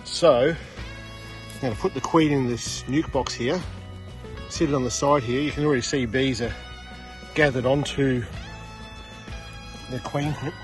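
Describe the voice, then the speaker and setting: A man's voice: medium pitch, a little slow, long pauses, music in the background. A middle-aged man vlogging casually and plainly about what he is doing, outdoors beside buzzing beehives. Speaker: hobby beekeeper vlogger. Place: outdoors in a rural yard among beehives. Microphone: handheld phone camera at arm's length.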